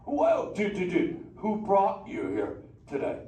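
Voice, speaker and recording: A man's voice: sits high, huge pitch swings, slow pace, dark tone, full character voice. A man voicing a laid-back male sea turtle who talks in a slangy surfer drawl, chatting live with a theater audience. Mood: stoked. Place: indoor theater show. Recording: echoey theater, distant, noisy.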